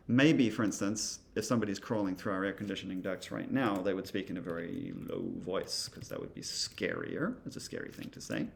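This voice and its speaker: Male instructor, low and gravelly, casual demo talk full of fillers. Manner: thinking aloud, many fillers and asides. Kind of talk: casual walkthrough of software.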